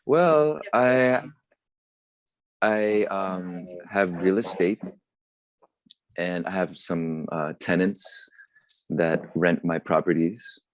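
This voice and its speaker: Over a video call on a webcam, a young American man with a low, deep voice chats in a relaxed way, mixing Tagalog phrases into his English. He's a guest performer and entrepreneur who talks extremely slowly with frequent pauses, and the sound is dry and close with little room echo.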